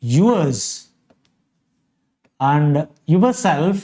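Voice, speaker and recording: Male Telugu-accented teacher, high pitch, unhurried, lists words one by one. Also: big pitch swings, warm tone. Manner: slow, repeats examples and lists word by word. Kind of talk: grammar lesson.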